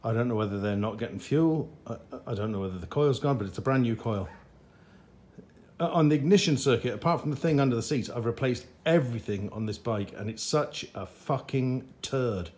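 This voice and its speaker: A man's voice: mid-range voice, expressive, brisk, a little mellow. A man vlogging a motorcycle repair in his garage, thinking aloud and getting frustrated as he works. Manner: frustrated, muttering thoughts aloud. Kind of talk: talking to camera while working on a bike.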